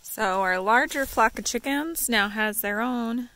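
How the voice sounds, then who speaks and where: Bright-voiced woman, slow and easygoing. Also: on the high side. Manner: easygoing, with fillers. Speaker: vlogger. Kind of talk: casual vlog narration.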